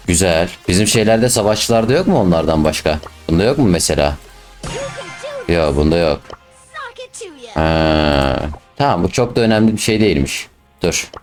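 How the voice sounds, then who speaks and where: A young man with a fairly low voice commentates his own gameplay, getting worked up and cursing at teammates. Game music plays clearly behind him. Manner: excitable, swears and snaps at teammates. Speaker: gaming YouTuber.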